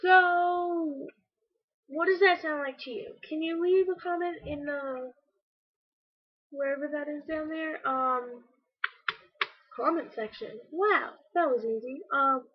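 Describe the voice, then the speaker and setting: A woman's voice: high voice, a little slow, long pauses. A teenage girl vlogging casually, rambling with lots of fillers about an old recording. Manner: rambling, filler-heavy, self-deprecating. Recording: dull lo-fi webcam audio.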